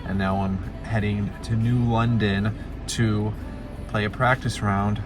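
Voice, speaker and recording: A man's voice: on the low side, flat delivery, a little slow. A young man, a disc golf pro, vlogging his tournament outdoors in a laid-back, joking way. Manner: laid-back, jokey, laughs at his own bits. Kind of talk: casual vlog narration. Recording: background music under the voice.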